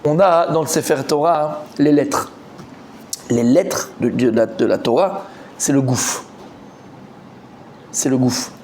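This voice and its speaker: Un homme rabbin qui donne un cours de Talmud animé, interroge ses élèves et répète ses mots en s'emportant. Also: male voice, slow pace, long pauses, slight background noise. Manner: animated, quizzes the students, repeats words, rising pitch when excited. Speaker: rabbi teaching a Talmud class. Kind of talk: lively Torah class.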